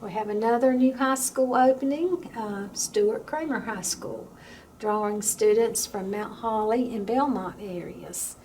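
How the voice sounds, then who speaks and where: A woman giving an informal museum tour as a guide, speaking calmly and a little hesitantly. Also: a little high, measured pace. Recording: steady background noise, room ambience.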